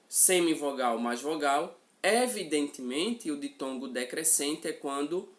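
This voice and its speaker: A man's voice: fairly high pitch, a bit bright. A male teacher gives a grammar lesson, repeating example words and checking in with his students as he goes.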